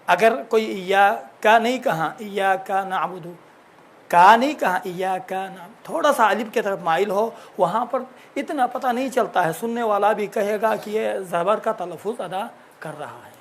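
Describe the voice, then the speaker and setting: A man teaching Quran recitation, patiently correcting a student and slowly demonstrating sounds. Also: high voice.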